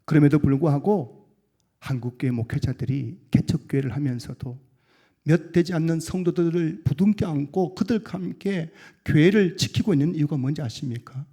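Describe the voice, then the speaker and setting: Male pastor, earnest sermon delivery, fairly high pitch, loud emphatic peaks that fall away to quiet endings. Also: moderate pace, slightly rough. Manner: drops low and quiet to close sentences.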